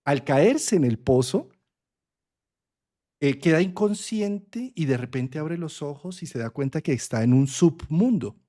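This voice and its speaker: A middle-aged man leads a master class by telling a fairy tale. His voice sits a little high for a man but sounds warm and mellow, and he keeps checking that his listeners follow. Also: measured pace. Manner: animated storyteller with tag questions. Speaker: astrology and psychology teacher. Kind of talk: master class storytelling lecture.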